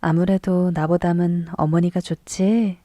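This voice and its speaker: A woman reading the part of a kind young lady of a wealthy house who speaks softly and slowly to comfort a child. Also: lowish voice, little pitch movement, no room sound, clean studio sound, close to an everyday voice. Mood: tender. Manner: soft, slow and comforting.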